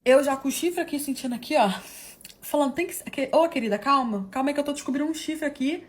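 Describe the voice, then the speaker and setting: A woman telling a dramatic personal story in an animated, gossipy way, acting out the dialogue and calling her listeners "love.". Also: sits high, fast.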